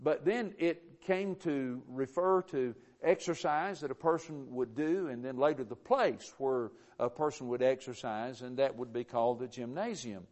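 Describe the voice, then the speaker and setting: A man preaching a sermon, earnest and emphatic, with frequent halting restarts. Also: medium pitch, a little mellow.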